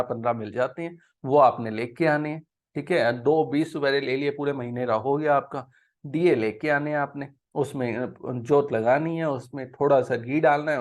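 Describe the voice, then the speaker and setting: A man giving a devotional talk to viewers, coaxing them with repeated rhetorical questions, mixing English words into Hindi and slowly chanting Sanskrit verses. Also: mid-range voice. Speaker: devotional speaker.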